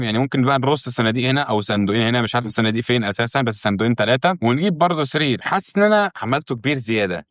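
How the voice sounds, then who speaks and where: Rapid-fire Egyptian man narrating his gameplay. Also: medium pitch, a bit bright, no echo, clean studio sound. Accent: Egyptian Arabic. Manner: joking, rambling, talks to viewers. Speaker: gaming YouTuber. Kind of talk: casual let's-play commentary.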